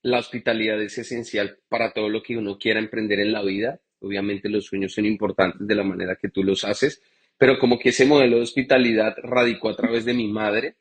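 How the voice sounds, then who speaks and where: This guest bartender from Bogotá, with a Colombian Spanish accent, has a fairly low, husky, steady voice and talks fairly quickly. He tells his story in a chatty live interview over a video call, with plenty of fillers and restarts.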